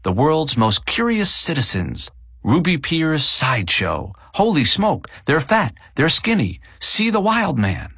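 A man narrating voices a carnival sideshow barker, with showy, booming sales patter that sounds tinny, as through a megaphone. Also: big pitch swings, measured pace, bright, forceful tone, breathy edge, no echo, heavily acted. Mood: hawking.

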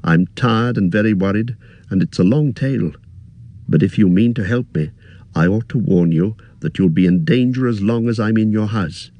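A man's voice: fairly low pitch, moderate pace, warm tone, no echo, highs cut off, natural voice. Man reading as a tired, worried hobbit.

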